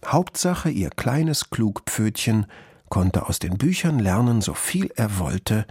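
A man narrating a children's storybook in a lively, expressive way. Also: lowish voice, slow, slightly rough, no echo, clean studio sound.

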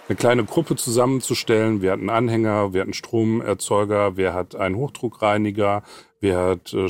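A man in his forties calmly recounting a personal experience in an interview, matter-of-fact with occasional fillers. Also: lowish voice, dry recording. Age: 40s. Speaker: interviewee, flood survivor.

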